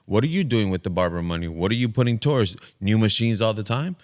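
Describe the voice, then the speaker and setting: A man's voice: fairly low pitch, expressive, fast, a little mellow. A man in his thirties in casual podcast chat, giving earnest advice. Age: 30s. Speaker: podcast co-host.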